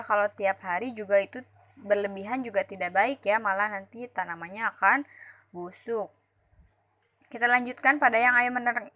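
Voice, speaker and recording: Bright-voiced woman teacher explaining patiently. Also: medium pitch. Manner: patient, repeats and restarts words while explaining. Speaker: elementary school teacher. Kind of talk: recorded lesson explanation.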